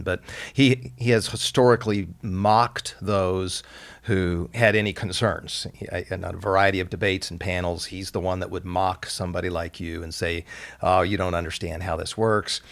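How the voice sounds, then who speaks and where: Male interview host, lowish voice, halting delivery with repeated words. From Colorado. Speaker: podcast host.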